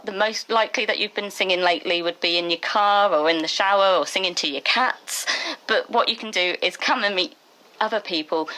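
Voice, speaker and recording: A woman's voice: mid-range voice, pushed and bright, poor audio. Casting: chatty, upbeat woman choir director, radio interview guest, mid-range voice. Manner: chatty and upbeat, quick to laugh.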